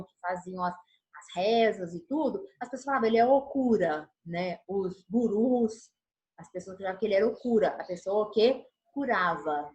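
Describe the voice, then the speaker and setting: A woman teaching a grammar lesson over a video call. She explains patiently, slows down to stress the key words and keeps checking in with her listeners. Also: mid-range voice. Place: home setup on a video call. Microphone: video call mic.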